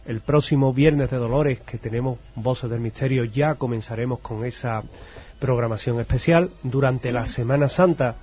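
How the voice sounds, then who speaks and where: A husky-voiced male host presents a radio programme and chats easily with a contributor. The sound is slightly dull. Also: mid-range voice, normal speed. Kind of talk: radio hosting.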